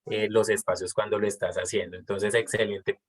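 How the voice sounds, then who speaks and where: Colombian man moderator, video call, courteous, fairly low. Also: level tone, moderate pace. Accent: Colombian Spanish. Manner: brief, courteous. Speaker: session moderator. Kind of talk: moderating an online session.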